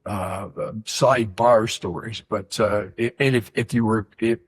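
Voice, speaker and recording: A man's voice: lowish voice, fairly even intonation, a little slow, breathy edge, no room sound. A middle-aged man, a podcast co-host and former TV reporter, reminiscing in a rambling way with restarts. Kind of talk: casual chat.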